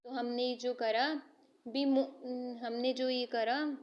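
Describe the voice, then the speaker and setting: A woman with a fairly high voice gives a recitation lesson. She explains each rule patiently, asks and answers her own questions, and chants the example verses slowly, drawing the sounds out. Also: fairly even intonation, dull audio. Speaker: Quran recitation teacher.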